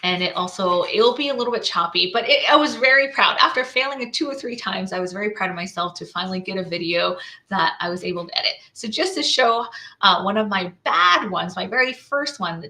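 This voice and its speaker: A woman who runs her own small business walks through her slides on a casual screen share, thinking out loud with many "right?" tags and restarts. Her medium-pitched voice sounds pushed and bright.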